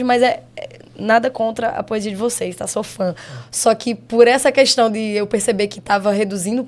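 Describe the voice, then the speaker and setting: A woman poet with a Brazilian Portuguese accent, a guest in a casual podcast conversation, speaking reflectively and often laughing softly. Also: mid-range voice. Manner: reflective, with frequent soft laughs.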